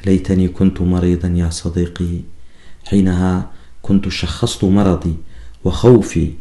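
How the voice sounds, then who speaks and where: A man voices a brooding young student in love who muses earnestly and poetically. The voice sits low and mellow. Everything carries the echo of a roomy space. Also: fairly even intonation, moderate pace. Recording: echoey room.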